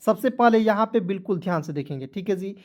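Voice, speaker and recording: A patient male teacher walks beginners through the alphabet in an online class. He says each letter slowly and deliberately, then stops to check that his viewers are keeping up. He speaks to them as friends. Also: high-pitched, animated, a little mellow. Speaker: English teacher.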